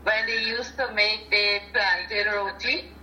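Guyanese woman caller, hesitant, very bright tone. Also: medium pitch, fairly even intonation, a little slow, slight background noise, rough recording. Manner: hesitant, searching for words. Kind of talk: call-in chat.

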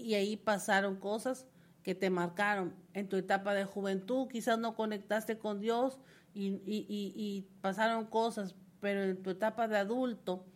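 Fervent woman preaching a sermon. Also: mid-range voice. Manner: fervent, builds to emphatic repetition.

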